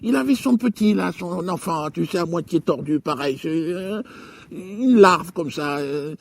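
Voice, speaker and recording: A man doing stand-up comedy into a handheld stage mic, telling a story with stammering restarts and sudden swings between loud and low. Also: animated, measured pace, gravelly.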